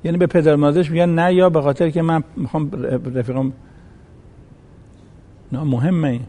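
Male preacher, mellow dark tone, a bit high-pitched, recites verses and tells stories. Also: steady tone. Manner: quotes Arabic verses, acts out quoted voices in a story. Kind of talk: sermon with a told story.

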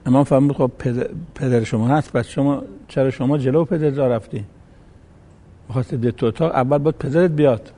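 A man's voice: mid-range voice, warm tone. A man preaching a sermon, reciting Arabic verses and acting out the voices in a folk story.

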